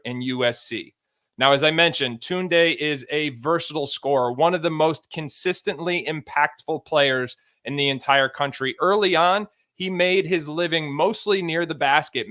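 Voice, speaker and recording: A man's voice: medium pitch, pushed and bright, no room sound, clean studio sound. An American man hosting a sports show with polished, emphatic commentary and interviewing. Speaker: sports show host and scouting analyst.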